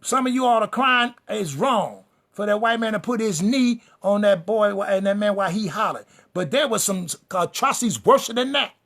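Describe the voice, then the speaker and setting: A man with a high, gravelly voice preaching a fiery sermon-style lecture. He hammers his points home in repeated refrains and lists, speaking directly to the people in front of him. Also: expressive, normal speed, hardly any pauses, fairly bright tone. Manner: emphatic and repetitive, addresses the listeners directly; builds lists and refrains for rhythm. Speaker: preacher and teacher.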